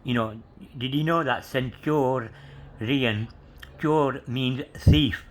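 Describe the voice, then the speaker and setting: The recording is rough as a man with a mid-range voice slowly shows off his coins. His talk meanders, full of "you know" and "yeah," and he spells inscriptions letter by letter.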